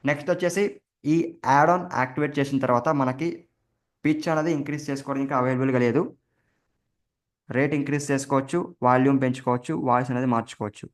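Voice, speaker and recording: A tech tutorial host records a step-by-step screen tutorial, casually explaining each keystroke as he presses it. His voice is medium in pitch, with a steady tone and a quick pace.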